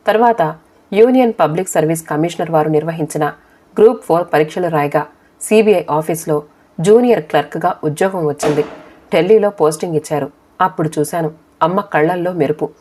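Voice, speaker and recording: తక్కువ స్థాయి గొంతుతో ఒక మహిళ నిదానంగా, స్థిరంగా కథను మొదటి వ్యక్తిలో చదువుతుంది. ఆడియో పుస్తకం తరహా కథనం. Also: female voice, deep voice. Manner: calm, steady first-person reading. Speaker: storyteller. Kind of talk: audiobook story narration.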